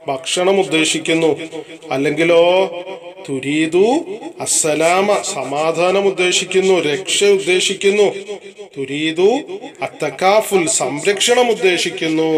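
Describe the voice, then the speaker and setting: A man teaching young children Arabic in an online lesson. He patiently asks them questions and then answers them himself, giving each phrase in Arabic and then explaining it. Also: on the high side.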